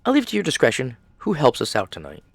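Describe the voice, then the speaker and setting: A man voicing a composed, polite female animatronic dancer with a measured delivery. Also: mid-range voice, wildly swooping pitch, gravelly, no echo, voice pushed up, heavily acted.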